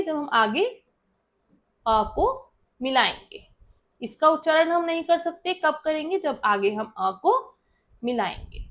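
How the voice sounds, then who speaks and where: Woman teacher, high voice, slow careful pace, asks and answers her own questions. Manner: asks students questions and answers them herself. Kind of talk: explaining a school lesson.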